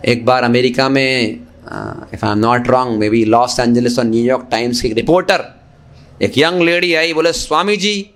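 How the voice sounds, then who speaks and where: A man giving a Gita class as a Hare Krishna preacher, asking rhetorical questions and mixing English phrases into his talk, lively and joking with listeners. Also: mid-range voice, measured pace.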